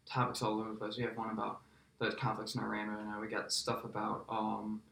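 A man's voice: fairly low pitch, monotone, brisk, vocal fry, a bit bright. A teenage man with an American accent, a student podcaster answering questions casually. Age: teens. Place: indoor school podcast studio. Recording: roomy, reverberant room sound.

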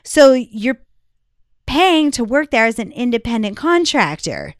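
A woman's voice: fairly high pitch, very animated, unhurried, no room sound, studio quality. A woman hosting a podcast in casual, blunt chat, swearing freely and laughing often. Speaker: podcast host.

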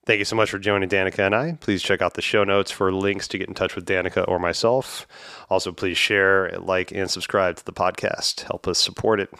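A man's voice: low voice, flat delivery, fairly quick, sharp tone, clear, resonant tone. A man hosting a podcast, chatting casually and enthusiastically, swearing a bit. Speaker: podcast host.

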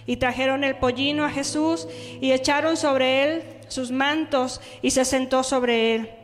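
A woman's voice: high voice, steady tone, unhurried. A woman preaching a sermon, reading scripture and praying in an earnest, emphatic way. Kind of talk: sermon with Bible reading and prayer. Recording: reverberant hall, faint music behind.

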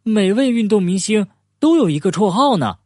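A man's voice: sits high, big pitch swings, moderate pace, darkish tone, dry recording, studio quality, voice pushed up. A man voicing an eager young boy turtle in a storybook reading, earnest and insistent.

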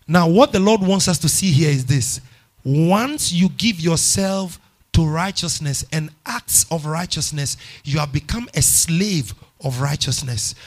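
A middle-aged man with a Ghanaian English accent preaching a sermon, repeating phrases and swinging from hushed to loud. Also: a little high. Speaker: pastor.

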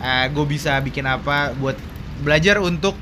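A man's voice: a little high, normal speed, noisy background. A man with a Jakarta accent hosting a podcast in casual, joking Jakarta slang, dropping in English words. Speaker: podcast host.

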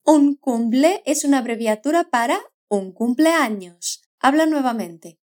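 High-voiced Spanish woman teaching pronunciation. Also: animated, a little mellow. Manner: slow, carefully modelled repetitions with encouraging prompts. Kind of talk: scripted language lesson narration.

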